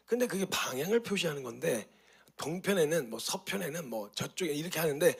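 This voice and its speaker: A male pastor teaching a course on Bible meditation, telling stories with lively rhetorical questions. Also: fairly high pitch, fairly quick, gravelly, breathy edge. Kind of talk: teaching talk.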